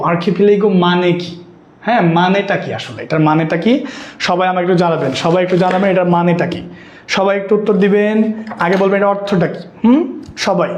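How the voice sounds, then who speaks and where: A man's voice: high voice, a little mellow, roomy sound. A man teaching a live online exam-prep class, who repeats himself and keeps quizzing his students. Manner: repetitive, questioning students constantly. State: sweaty and worn out.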